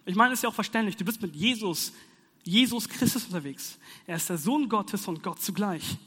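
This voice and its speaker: Young male preacher, high voice, slangy and playful, reverberant hall. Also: normal speed, slightly rough. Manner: slangy, animated, playful asides. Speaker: youth preacher. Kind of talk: casual youth sermon. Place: hall with audience.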